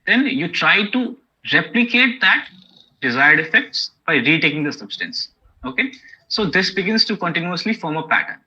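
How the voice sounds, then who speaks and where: Speaking with an Indian English accent, a man gives an academic lecture, explaining step by step and checking in often with "okay?" and "you know." His voice is high-pitched, husky, pushed and bright, very animated at a normal speed. The recording is dull and lo-fi.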